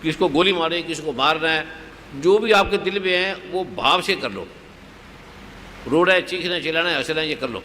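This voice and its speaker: A man's voice: a little high, normal speed, sharp tone, long reverb tail, a little hiss or hum. A man who is a spiritual guru, giving guided meditation instructions to an audience in short, repeated commands. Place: large hall at a live gathering.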